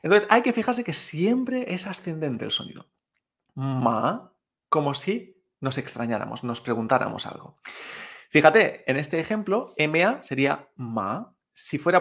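A man's voice: a little high, vocal fry, slightly rough. A man teaching Mandarin tones in as a patient, encouraging podcast teacher who models each sound aloud and checks in often with short tag questions. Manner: frequent tag questions like "¿vale?" and "¿eh?". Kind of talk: podcast lesson.

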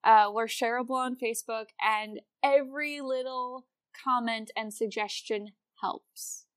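A woman with an American accent and a fairly high voice chats as a podcast host. She is casual, irreverent and happy to swear. The sound is very dry, with no room on it. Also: fairly even intonation, a little slow, fairly bright tone, clear, resonant tone, no echo. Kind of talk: casual comedic podcast chat about history.

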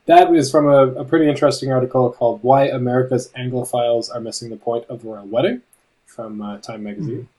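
Canadian man, relaxed podcast co-host. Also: medium pitch, quick pace, poor audio. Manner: relaxed, self-deprecating, reads out definitions. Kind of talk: casual podcast chat.

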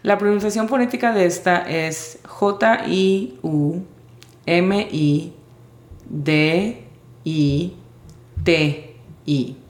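Woman, language teacher, slow careful delivery, slightly low voice, roomy echo. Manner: slow, careful spelling of sounds. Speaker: English teacher. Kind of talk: vocabulary lesson.

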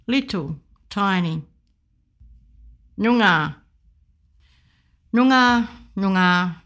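A woman speaks at a very unhurried pace and sounds out each term slowly, again and again. After the repeats she adds a brief plain definition. Her voice sits at a middle pitch for a woman. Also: a bit bright. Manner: repeats each word several times, then gives a short definition. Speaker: pronunciation guide reader. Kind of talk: slow, repeated word-by-word pronunciation.

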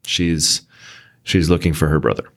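A man's voice: a bass voice, a little slow. A man hosting a book podcast, chatting casually with frequent ums. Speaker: podcast host. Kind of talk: casual chat.

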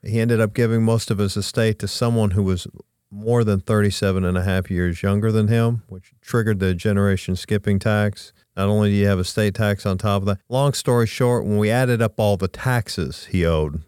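A man with a low, clear voice speaks conversationally as an advisor. The sound is close and dry. He stresses his points by repeating them. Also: steady tone, moderate pace, darkish tone, no echo. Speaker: estate planning advisor, podcast guest. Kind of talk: conversational anecdote and advice.

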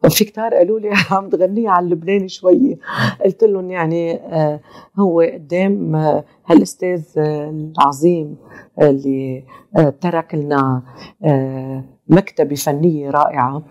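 A woman with a Lebanese accent, a singer answering interview questions thoughtfully, pausing with fillers. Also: sits low, steady tone, a little mellow. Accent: Lebanese Arabic. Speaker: guest singer.

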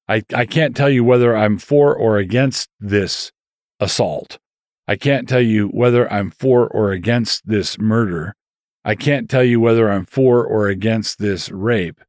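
Low-voiced man hosting a podcast. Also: darkish tone, no room sound, clean studio sound. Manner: wry, conversational, trails off and restarts. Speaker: podcast host. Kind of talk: solo commentary.

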